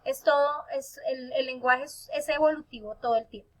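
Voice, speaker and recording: High-pitched lady teacher doing an online class, explains step by step, keeps checking everyone follows. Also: steady tone, moderate pace.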